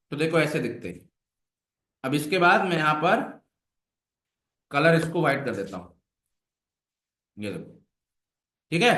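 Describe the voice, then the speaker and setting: A man teaching web coding in a roomy, echoing space. His voice sits a little high, and he keeps coaxing the class, asking the same question twice to pull answers out of them. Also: fairly bright tone. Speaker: web development instructor. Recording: echoey room.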